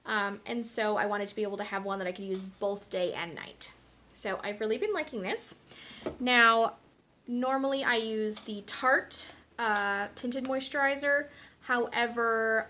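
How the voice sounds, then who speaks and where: Young woman vlogger, talkative and candid, slightly high voice, relaxed product rundown. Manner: chatty, frank, many ums and asides. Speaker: beauty vlogger. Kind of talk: casual product review chat.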